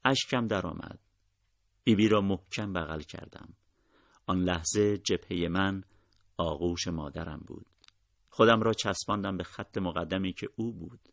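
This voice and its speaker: Male audiobook narrator: somber, measured storytelling, dry close recording, very low voice. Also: gravelly, dry recording.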